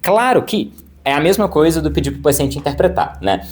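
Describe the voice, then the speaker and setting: A man who works as a psychologist, teaching clinical practice in a video lesson recorded to camera, talking quickly with frequent tag questions. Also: on the high side, expressive. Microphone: camera mic, speaking to camera.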